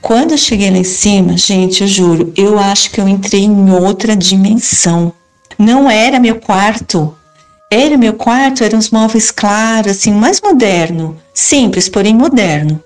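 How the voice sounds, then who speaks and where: A middle-aged woman earnestly tells, in the first person, of strange happenings in her haunted house, acting out the dialogue and quoting what was said. Her voice is mid-range at a moderate pace, with faint music playing behind.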